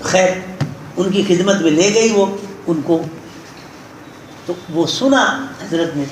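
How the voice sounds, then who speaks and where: A man with a high, lifted voice preaches a sermon, telling a tale and turning to speak straight to his listeners. His words ring through a very echoey hall, with steady background noise under them. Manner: tells a story and addresses listeners directly. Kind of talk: sermon with storytelling.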